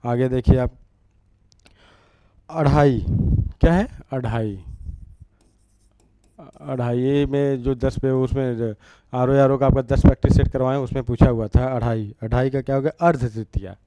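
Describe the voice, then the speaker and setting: A man's voice: medium pitch, steady tone, measured pace, long pauses, dark tone, no echo. A man teaching an exam-prep grammar lesson, repeating each word and asking rhetorical questions as he writes.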